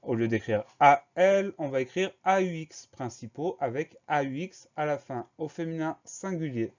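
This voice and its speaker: Man spelling out words slowly. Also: fairly high pitch, expressive, darkish tone. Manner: slow, careful letter-by-letter spelling. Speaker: teacher. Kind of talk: spelling lesson for primary pupils. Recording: slightly dull lo-fi recording.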